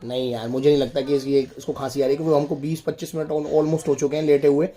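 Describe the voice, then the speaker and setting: A man with a slightly high, warm voice talks fast with little pitch movement while filming a casual family vlog. The father and vlogger is indoors at home in front of a heater, chatting playfully to viewers and teasing as he goes.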